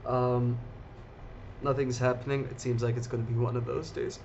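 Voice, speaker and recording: Casting note: a male trading host, casual and chatty, mid-pitched, talking to viewers, slightly dull lo-fi audio. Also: flat delivery, normal speed, darkish tone, slight background noise. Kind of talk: live market commentary.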